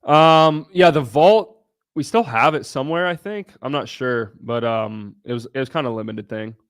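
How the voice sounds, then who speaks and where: With a medium-pitched, clean-toned voice at a moderate pace, a young Southern Ohio man runs a casual livestream, responding to viewer questions bluntly and brashly with plenty of swearing. The studio-quality audio has no room sound.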